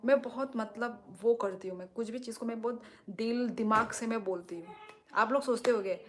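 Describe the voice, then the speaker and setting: A woman's voice: on the high side, moderate pace. A woman hosting a live stream, reading viewers' comments and reassuring them at length. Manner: talks directly to viewers, reassuring and explaining at length. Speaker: livestream host.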